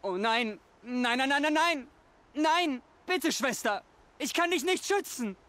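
A man's voice: extremely high pitch, lively intonation, sharp tone, full character voice. Haunted, frantic young tribesman. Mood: agitated. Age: young adult. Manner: pleading, halting, repeats himself. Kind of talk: video game dialogue.

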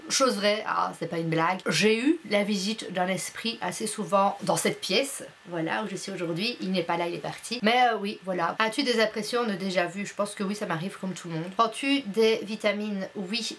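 A woman's voice: mid-range voice, moderate pace, hardly any pauses, slight background noise. A young woman from Belgium, chatting bluntly and playfully as she answers a casual vlog questionnaire from her bedroom, full of fillers. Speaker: YouTuber.

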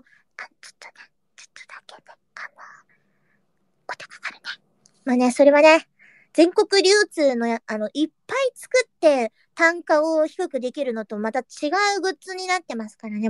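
High-voiced playful young woman streamer. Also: darkish tone, no echo, clean studio sound. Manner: playful, chatty, drops into whispers for jokes. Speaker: streamer reading chat. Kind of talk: casual livestream chat.

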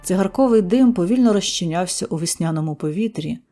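A man reading a scary story in a tense, measured first-person telling. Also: sits high, animated, warm tone, faint music behind. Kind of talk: scripted horror narration.

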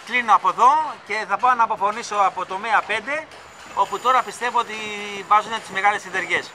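A chatty man with a fairly high voice narrates a casual vlog outdoors. He rambles enthusiastically on a handheld camera mic. Machinery and site noise run clearly behind him. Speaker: vlogger filming a stadium construction site. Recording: loud construction site noise.

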